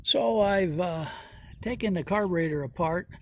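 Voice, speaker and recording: A man doing a hands-on repair walkthrough outdoors, talking slowly and folksily with many fillers as he thinks aloud. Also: high-pitched. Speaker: homesteader vlogger. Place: outdoors in a yard.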